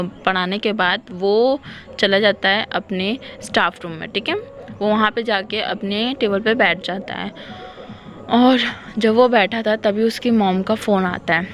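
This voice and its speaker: A woman casually retelling a fan-fiction story, conversational and often checking in with tag questions. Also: mid-range voice.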